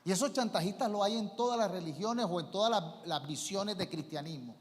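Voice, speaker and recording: A man's voice: sits high, fairly quick. A male pastor preaching a sermon emphatically, with rhetorical questions and acted-out quotes. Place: church sanctuary. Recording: long church reverb.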